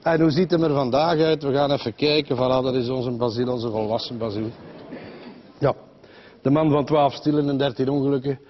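A man's voice: mid-range voice, steady tone, fairly quick, highs cut off, slight background noise. A man with a Flemish accent telling a comic story in a rambling, chatty way, full of fillers and voices of the people in it. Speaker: comedian.

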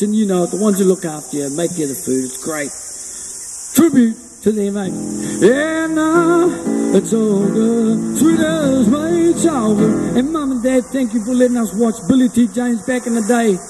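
High-pitched broad Kiwi bloke, long reverb. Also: male voice, dark tone. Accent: broad New Zealand Kiwi. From New Zealand. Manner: colloquial, chatty, exclaiming. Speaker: musician entertainer. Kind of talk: folksy stage patter between sung lines. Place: outdoors on a hilltop above the sea. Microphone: microphone on a stand. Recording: outdoor mic with long reverb and music behind. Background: guitar music.

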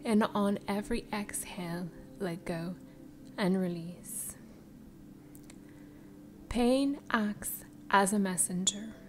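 A woman guiding a meditation in a soft, breathy spa voice that trails into whispers, soothing and unhurried. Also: mid-range voice, a little hiss or hum. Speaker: meditation guide. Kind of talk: slow guided meditation narration. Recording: music behind the voice. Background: background music.

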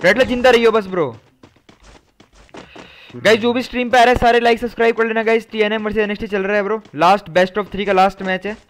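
A hoarse young man live-streaming a shooter game, calling out moves to his squad and chatting to viewers. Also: high voice, fast. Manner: excited shouted callouts, chatty asides to viewers. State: hoarse, throat going sore. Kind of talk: casual gameplay chat with squad and viewers.

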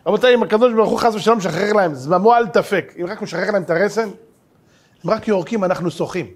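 A middle-aged rabbi preaching a lesson, animated and joking, with many rhetorical questions. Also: male voice, high voice. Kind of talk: sermon.

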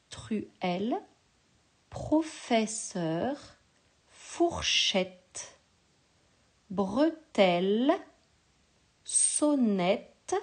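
A woman teacher giving a slow, patient spelling lesson to a young child, sounding out each syllable with care. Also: mid-range voice, a little mellow.

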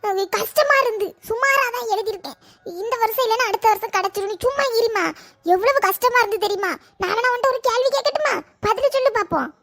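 A woman's voice: very high-pitched, fast talker, fairly bright tone. A woman voicing a sulky young woman who just sat an exam. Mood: defensive.

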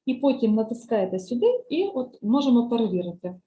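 Warm-voiced woman walking through a screen demo. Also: on the high side, big pitch swings, a little fast, low-quality recording. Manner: talks through clicks step by step, often asks "right?"; explains language lesson tasks patiently. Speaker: teacher trainer. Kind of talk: screen-share software tutorial.

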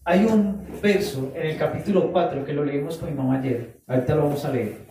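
A man preaching a sermon, animated, acting out quoted voices and drawing out phrases for emphasis. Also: fairly high pitch, a little hiss or hum. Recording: echoey room, voice from far off the mic.

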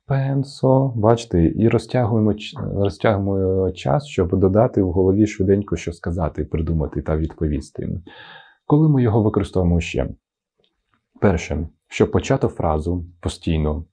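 Male language teacher, casual lesson; very low, dark voice; playful, demonstrates intonations. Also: husky. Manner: playful, acts out intonations of example words; promotes his own course.

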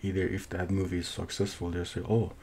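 A middle-aged man from Iran with a thick Persian, Middle Eastern accent, giving a casual movie review in a halting way, searching for words. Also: completely flat delivery, vocal fry, a little mellow. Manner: halting, searching for words with repeated false starts. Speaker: film reviewer. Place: small home office, indoors. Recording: noisy room recording with low rumble.

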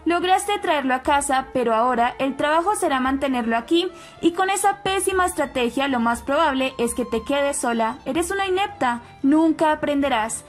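A cold, scheming grandmother who rules her family, as a woman reading a soap-opera recap voices her. She speaks with contempt and command, her voice set fairly high. Faint music plays behind. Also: animated, moderate pace. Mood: scornful. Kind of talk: recap narration voicing quotes.

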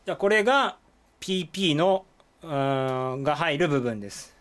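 A man's voice: fairly high pitch, normal speed, clear, resonant tone. A man explaining words step by step in a whiteboard language lesson, with many fillers. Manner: lively, explanatory, with frequent "eh" fillers. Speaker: Korean language teacher.

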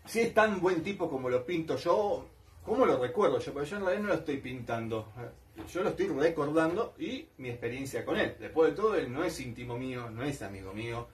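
A collector vlogger with an Argentine Spanish accent rambles in a casual, nostalgic, colloquial way, repeating himself. He speaks briskly in a fairly high voice with lively intonation, recorded from a distance.

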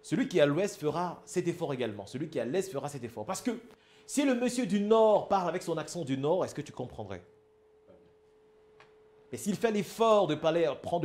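Man with Cameroonian French accent, public speaking trainer, higher mellow voice, emphatic and pointed, in an echoey room. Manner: emphatic, asks the audience if it is clear. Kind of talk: instructional talk.

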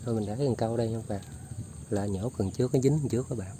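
Checking traps and fishing lines in the flooded rice fields, this vlogger narrates casually and keeps talking to his audience. He has a lowish, mellow voice and talks fast, with a little hiss or hum on the recording.

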